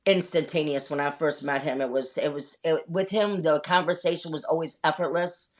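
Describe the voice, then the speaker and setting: This host, a woman in her fifties, speaks in a low, steady voice at a moderate pace. Her casual chat is full of candid stories, frequent swearing, and rambling filler words.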